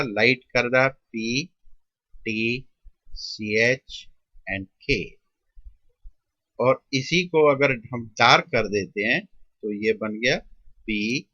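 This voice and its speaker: Male tutor, Indian accent, unhurried, bright voice; dry, muffled lo-fi recording. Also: medium pitch, no room sound. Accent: Indian Hindi-English mix. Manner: slow, drawn-out, repeats each sound with pauses. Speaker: shorthand tutor. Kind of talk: step-by-step classroom explanation.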